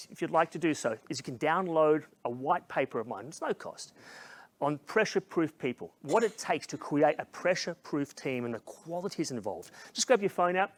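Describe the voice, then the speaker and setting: Passionate man giving a keynote. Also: on the high side. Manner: passionate storytelling, dropping to a hushed voice for emotional moments. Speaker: keynote speaker. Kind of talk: motivational keynote talk.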